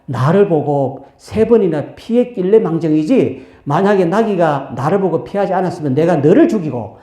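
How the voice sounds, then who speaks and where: A man's voice: fairly high pitch, lively intonation, moderate pace, dark tone, lightly acted. A man voicing a stern heavenly angel giving commands, his voice echoing in a church hall.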